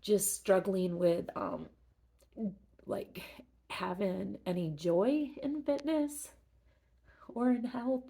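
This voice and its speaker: A middle-aged woman talking casually in a personal vlog update, halting and reflective, sounding emotional as after crying. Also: medium pitch, mellow. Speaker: fitness vlogger.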